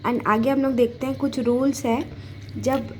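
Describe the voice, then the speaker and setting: A woman giving a patient, casual phonics lesson for parents, sounding out words slowly. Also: sits high, little pitch movement, darkish tone, slight background noise. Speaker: phonics teacher. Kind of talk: casual home teaching lesson.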